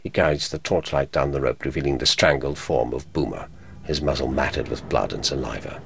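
A man narrating an audio description in a measured, neutral manner. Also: very deep voice, gravelly, slightly rough. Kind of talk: scripted narration.

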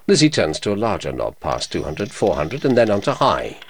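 A man narrating an audio description in a measured, neutral manner. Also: on the low side, huge pitch swings, background noise. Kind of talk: scripted narration.

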